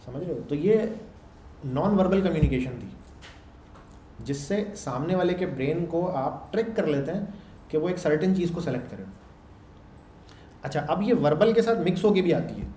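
A programming instructor with a fairly high, warm and animated voice lectures casually at normal speed, pausing often. He keeps checking in with listeners using phrases like "samjh rahe ho" and "theek hai," in an echoey room with a faint hum behind him.

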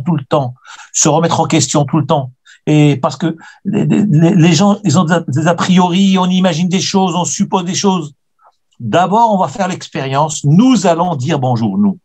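A man's voice: sits high, darkish tone. A man teaching a Torah lesson as a rabbi, answering questions emphatically and repeating key phrases for weight.

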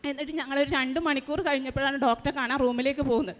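A woman with a high voice gives an earnest personal testimony at a shrine service. She tells her story haltingly, breaking off and restarting her sentences. Her voice rings with the long echo of a large church hall. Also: steady tone. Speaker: mother giving a testimony.

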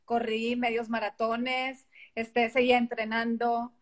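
High-voiced Mexican woman, animated storyteller. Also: unhurried. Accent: Mexican Spanish. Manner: animated, acts out quoted dialogue. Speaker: guest. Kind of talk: casual interview chat.

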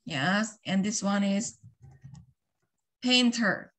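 A woman teaching vocabulary in an online class. She repeats each word slowly and keeps checking that her students are following. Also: mid-range voice. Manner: models words slowly and repeats them. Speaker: English teacher. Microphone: video call.

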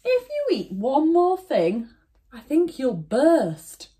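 A woman's voice: sits high, huge pitch swings, slow pace, dark tone, voice pushed up, exaggerated voice. A woman voicing a caring, clever young granddaughter in a children's story. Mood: teasing.

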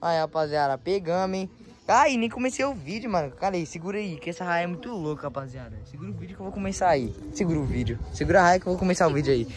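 A young man from Brazil speaks in a São Paulo accent, vlogging casually on a handheld phone outside. His talk is slangy and excitable, addressed to viewers and the people around him. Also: a little high, fast talker. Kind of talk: casual vlog chat. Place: outdoors in a residential yard. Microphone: handheld phone, held by the speaker.

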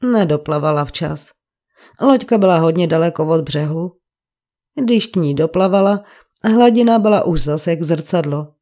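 Gruff working-class bricklayer witness, coarse and grumbling, low dark voice, read by a woman for a crime audiobook. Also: expressive. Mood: defensive grumbling. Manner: coarse colloquial speech, grumbling.

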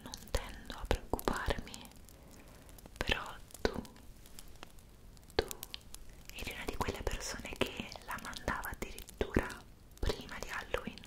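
Mrs Claus whispering softly, voiced by a young woman. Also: close to an everyday voice. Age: young adult. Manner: soft, close whispering, coaxing questions. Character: kind, caring Mrs Claus, motherly and gently teasing. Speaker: ASMR creator. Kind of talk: ASMR roleplay. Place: indoor room decorated for Christmas.

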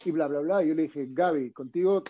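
Peruvian male guest, higher-pitched and dark-toned, acts out quotes in a casual chat. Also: fast, lo-fi sound. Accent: Peruvian Spanish. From Peru. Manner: animated storyteller, acts out quoted dialogue.

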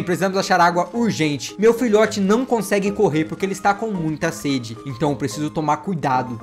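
A man narrating a survival game in character as a wolf father, with dramatic storytelling and playful exclamations. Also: fairly high pitch. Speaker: gameplay vlogger voicing his wolf character.

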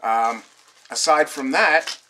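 A young man casually showing off his fishing tackle on his channel, talking in a relaxed, rambling way with lots of fillers. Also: a little high, slow pace, slight background noise. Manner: relaxed, rambling with many fillers, laughs softly. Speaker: fishing vlogger. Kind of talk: casual show-and-tell. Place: living room, seated on a couch indoors. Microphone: camera mic at close range.

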